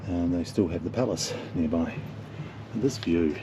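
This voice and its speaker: A man's voice: sits low, moderate pace. A man leading a motorcycle tour, narrating a travel vlog at mountain monasteries in a reverent, wondering way. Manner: wondering, softly reverent in temples. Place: outdoors and inside mountain monasteries. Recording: noisy outdoor recording.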